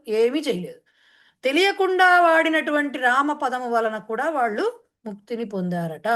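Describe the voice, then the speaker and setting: A woman Sanskrit teacher who chants a verse slowly, then explains it in quick talk mixed with English words. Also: high voice, fairly bright tone. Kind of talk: online class explaining a verse in Telugu.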